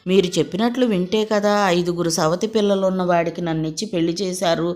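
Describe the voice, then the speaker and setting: A woman's voice: fairly low pitch, brisk, natural voice. A woman voicing a proud, resentful elder daughter. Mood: angry. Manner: sharp, indignant.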